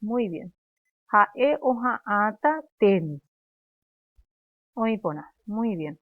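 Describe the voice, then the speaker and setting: Slow Paraguayan woman teacher, thin phone-like sound. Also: medium pitch, sing-song. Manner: slow, clear, repeats phrases for students to echo. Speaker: Guarani language teacher. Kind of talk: classroom lesson, drilling conjugations. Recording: dry, phone-like narrow sound.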